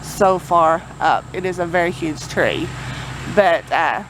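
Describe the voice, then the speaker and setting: A woman's voice: fairly low pitch, lively intonation, slow pace. A woman gives a casual vlog update outdoors in a folksy, rambling way, talking over generator and vehicle noise. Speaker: vlogger. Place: outdoors near a road. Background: generator and passing vehicles.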